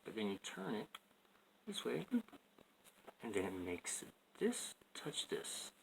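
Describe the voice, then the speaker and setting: A DIY video maker casually explains a wiring fix, rambling and making jokes at his own expense in a noisy home recording. His voice is lowish, creaky and very animated, with a slow pace.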